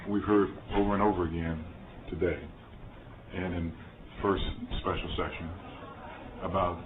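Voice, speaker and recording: A deep-voiced man, a senator, speaks slowly and deliberately, pausing often around his "uh"s. The sound is narrow and phone-like, and a clear hiss runs beneath his voice. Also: steady tone. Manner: slow, deliberate, with pauses and 'uh's. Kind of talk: committee remarks.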